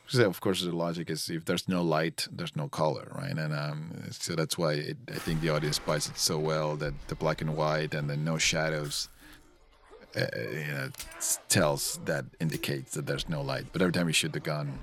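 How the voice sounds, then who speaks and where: A man giving casual director's commentary on a film, talking haltingly and often repeating words. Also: extremely low pitch, level tone, fairly bright tone.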